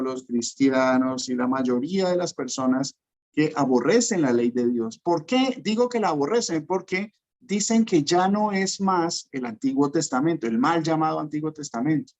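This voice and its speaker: A man preaches a sermon as pastor, his voice sitting a little high for a man. He drives his points home with emphasis and keeps tossing rhetorical questions to the congregation.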